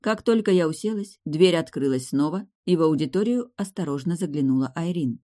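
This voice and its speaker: A woman narrating a fantasy audiobook in a low, mellow voice. She reads in a steady, wry storytelling manner, with a relaxed and warm tone throughout. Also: a little fast. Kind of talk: first-person fantasy novel reading.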